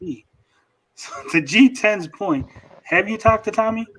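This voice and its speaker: A man's voice: sits high, expressive, measured pace, a bit bright, rough recording. A man hosting a casual panel chat who teases and needles the others, insisting on his point. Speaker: podcast host.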